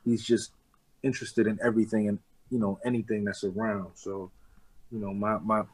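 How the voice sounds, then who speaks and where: A husky man from the Bronx speaks with a New York accent. His delivery is flat and low, with little rise or fall. He talks loosely and casually, like someone telling a story to a friend. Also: moderate pace, rough recording. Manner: loose and street-casual, with frequent "you know what I'm saying". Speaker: guest. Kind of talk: casual interview talk.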